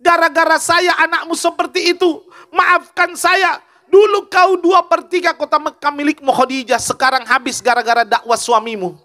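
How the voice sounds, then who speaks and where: A man preaching a sermon who voices a grieving husband, apologizing slowly and with sorrow. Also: very high voice, steady tone, pushed and bright, pitched above the performer's own voice. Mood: sorrowful. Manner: slow, sorrowful, repeated apologies. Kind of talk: storytelling in a sermon.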